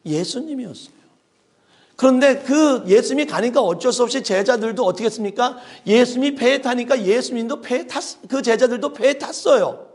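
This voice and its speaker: A middle-aged male pastor preaches a dramatic sermon packed with rhetorical questions for the congregation, swinging between loud emphasis and hushed asides. His voice is very high-pitched, at normal speed.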